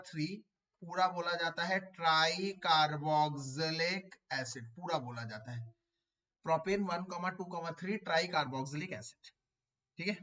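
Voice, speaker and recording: Bright-voiced male chemistry teacher. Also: sits high, highs cut off. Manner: explains step by step, mixes English terms, repeats key words; addresses students as beta, asks them questions. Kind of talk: online class lecture.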